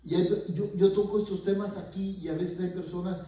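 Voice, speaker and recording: A man preaching as a pastor, telling stories, swinging between loud emphasis and hushed asides. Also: high voice, fairly even intonation, fairly quick. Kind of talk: sermon. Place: church sanctuary. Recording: echoey church hall from far off.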